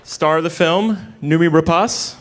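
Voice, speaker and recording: A man's voice: a little high, unhurried, a crowd in the background, background noise. A man interviewing film guests, introducing them in an upbeat, joking way. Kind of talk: press junket interview.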